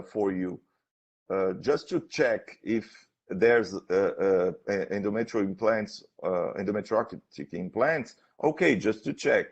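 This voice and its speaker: Halting, creaky-voiced man, slow academic questioner. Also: medium pitch. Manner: halting, hesitant, repeats words while searching for phrasing. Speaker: thesis defense examiner. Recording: dull, lo-fi sound.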